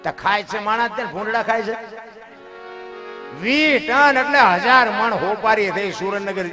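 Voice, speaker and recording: A man gives a folk devotional talk, swinging from loud exclamations to low asides. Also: normal speed, music in the background. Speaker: devotional storyteller. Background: musical instruments.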